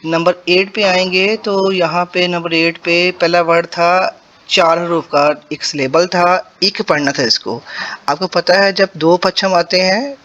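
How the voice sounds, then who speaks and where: A Pakistani man speaking Urdu with a Punjabi accent patiently teaches beginners Korean pronunciation, repeating sounds slowly, one syllable at a time. His voice is high, steady and a bit bright, though the recording sounds muffled.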